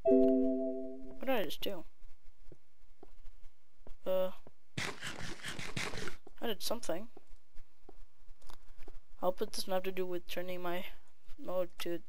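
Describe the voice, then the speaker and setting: A woman's voice: fairly low pitch, takes it slowly, pauses often, over loud music. A teenage girl from Chile giving casual, jokey gameplay commentary at her computer, rambling and talking to herself as she plays. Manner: rambling, jokey, talks to self, counts aloud. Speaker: let's play gamer. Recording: noisy mic with clicking.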